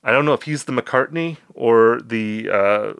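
A man's voice: mid-range voice, unhurried, gravelly, fairly bright tone, clear, resonant tone, dry recording. A man co-hosting a music podcast, chatting casually and playfully with his co-host. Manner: chatty, playful, slips into put-on accents. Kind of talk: casual chat.

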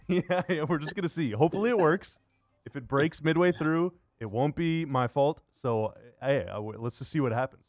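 A man with a voice on the high side speaks at a moderate pace as he hosts a sports radio show, casually discussing basketball in an upbeat intro and interview. There's no room sound, just faint music behind him.

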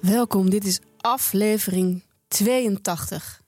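A woman's voice: medium pitch, slow, loud music behind the voice. A woman co-hosting a podcast, making dry, wry remarks and running the show. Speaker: podcast co-host. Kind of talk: casual chat.

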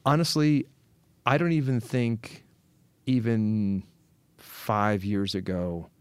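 A man's voice: on the low side, steady tone, takes it slowly, clean tone, dry recording. A middle-aged man co-hosting a podcast, talking in a reflective, rambling way with frequent restarts. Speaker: podcast co-host. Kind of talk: casual chat.

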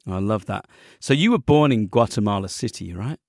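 A podcast host runs a casual interview, cracking self-deprecating jokes along the way. His voice is on the low side, expressive, brisk and creaky, captured with studio quality and no room sound.

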